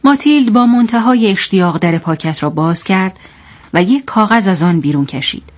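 A woman presenting scripted literary commentary in a clear, didactic manner, and narrating a story. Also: medium pitch, expressive.

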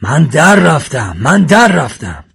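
A man voicing a half-wild male hunter who pleads shrilly and repeats his words, with a husky tone. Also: big pitch swings, a bit bright, heavily acted. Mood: frantic. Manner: repeats himself, high and shrill.

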